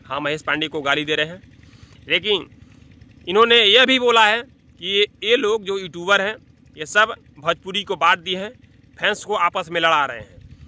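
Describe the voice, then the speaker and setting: Here the vlogger sounds high-pitched, pushed and bright, talking at normal speed. Outdoors in a thatched, open-sided hut near farmland, he holds his phone at arm's length and delivers emphatic, casual remarks, repeating himself and calling the audience "brother."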